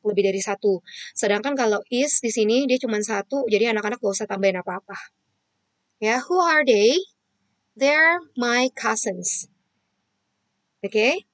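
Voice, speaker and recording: A woman's voice: medium pitch, no echo. Woman, primary school teacher, patient step-by-step explaining, dry close sound. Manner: patient, explains step by step to kids, asks and answers her own questions. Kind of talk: online children's lesson.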